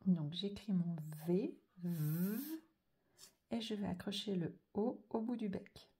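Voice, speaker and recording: A woman teaching a slow handwriting dictation lesson, carefully drawing out each sound and letter. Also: medium pitch, dark tone. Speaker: primary school teacher.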